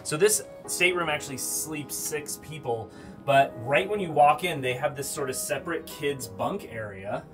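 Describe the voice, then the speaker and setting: A man's voice: a little high, lively intonation, moderate pace, music in the background. A man in his forties upbeat and joking as he demonstrates a bunk area in a small cruise cabin. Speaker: travel companion. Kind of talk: casual demo chat.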